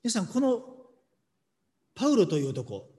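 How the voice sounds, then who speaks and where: A male pastor reading scripture and preaching, emphatic and animated, with dramatic pauses. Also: high-pitched, in a large hall.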